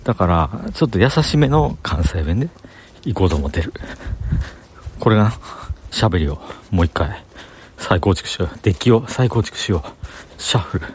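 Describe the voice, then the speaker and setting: Casual vlogger, male, Banshu Kansai accent, lowish voice with a bouncy, lively pitch, chatty self-talk outdoors. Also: moderate pace, long pauses, slight background noise. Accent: Kansai, Banshu (Himeji) dialect. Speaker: vlogger talking to camera. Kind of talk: casual rambling monologue while walking. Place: outdoors on city streets.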